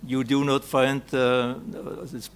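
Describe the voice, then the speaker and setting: A man with a German accent speaking haltingly at a conference round table, with many filled pauses and repeated words. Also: mid-range voice, little pitch movement, smooth. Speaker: panel speaker. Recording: noisy live conference room recording.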